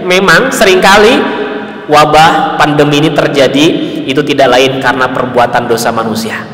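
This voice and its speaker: A male Islamic preacher with a Sundanese accent giving a sermon, asking the congregation rhetorical questions and punctuating lines with a steady "ya". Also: medium pitch, roomy sound, in a large hall, rough recording. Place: mosque hall.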